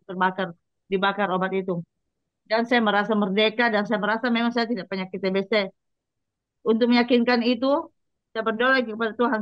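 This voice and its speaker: A woman's voice: on the high side, no room sound. Woman evangelist, earnest testimony, addresses listeners directly, muffled dry recording. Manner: earnest, speaks straight to listeners. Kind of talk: personal religious testimony. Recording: dull lo-fi dry sound.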